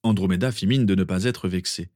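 A man narrating a fan-written story with expressive storytelling. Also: low-pitched, brisk, dry recording, studio quality.

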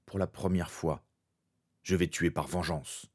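A man voicing a grim, vengeful soldier in a fan fiction reading, speaking low and threatening. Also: steady tone, unhurried.

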